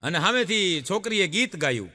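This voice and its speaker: A man's voice: high voice, moderate pace, long reverb tail. A man telling comic stories on stage, acting out each character as he goes. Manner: lively storyteller acting out characters, laughing audience. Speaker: stand-up comedian. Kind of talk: Gujarati stage joke-telling.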